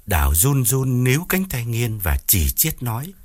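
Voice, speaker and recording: A man narrating an audiobook story in a steady storytelling manner. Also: mid-range voice, normal speed. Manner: steady storytelling, voices each character.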